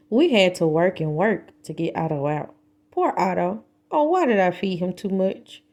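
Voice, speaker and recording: A woman with a mid-range voice reads aloud from a children's book. She tells the story expressively, leaning into dramatic, deliberate stresses.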